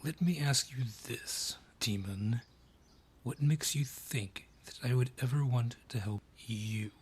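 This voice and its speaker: Speaking slowly with a breathy edge, a man with a medium-pitched voice performs a proud, grudge-holding male dryad for a scripted audio roleplay. He lingers over each jab, and his sardonic, scornful delivery is theatrical throughout.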